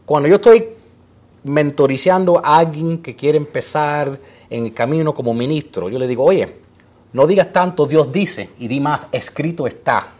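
Animated high-voiced male preacher. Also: moderate pace. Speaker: pastor. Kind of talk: sermon.

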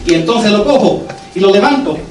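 A pastor preaching a sermon in church, earnest and turning lively when he tells a story, with English words dropped in. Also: high voice, brisk, far from the mic. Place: church sanctuary. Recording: echoey church hall, voice from afar, music under it.

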